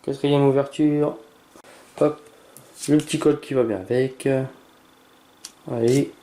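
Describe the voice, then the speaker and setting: A man casually commenting as he opens trading cards, reading names aloud, stumbling over words and breaking into excited cries while keeping his voice down. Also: slow. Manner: reads card names aloud, stammers, bursts into excited exclamations; holds back from shouting, keeps voice low at night. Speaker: YouTuber opening trading cards. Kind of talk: casual card-opening commentary.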